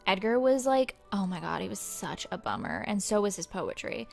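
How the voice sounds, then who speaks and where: Woman voicing a young female ghost, valley-girl slang, flippant comic vlog, mid pitch. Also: expressive, normal speed, creaky, faint music behind.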